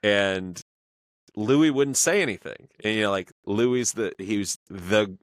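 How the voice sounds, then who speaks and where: A man hosting a podcast, telling stories in a halting way, full of fillers, in a casual conversation. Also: on the low side, dry recording. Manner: halting, filler-heavy storytelling. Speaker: podcast host.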